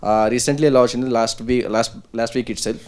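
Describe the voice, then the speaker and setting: A man from Bangalore with a Kannadiga South Indian accent, a native Kannada speaker, casually introducing and pitching his small business. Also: steady tone, fast, a little mellow, clear, resonant tone.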